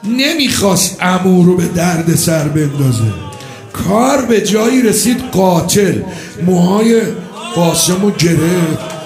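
High-voiced man giving a dramatic mourning sermon. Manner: dramatic, swinging from hushed to shouting and chanting. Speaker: religious mourning narrator. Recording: echoey hall with faint music.

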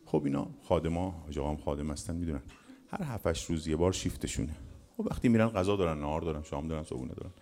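A man quietly retelling a devotional story in a quick, conversational way. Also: very deep voice. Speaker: religious storyteller.

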